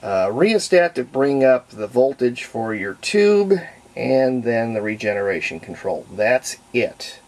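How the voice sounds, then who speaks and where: A middle-aged American man, a hobbyist, shows off his homebuilt radio at a cluttered desk indoors, speaking casually and without a script. His mid-range voice is expressive and a little mellow, and his folksy, halting delivery often trails off mid-phrase. Faint background noise can be heard.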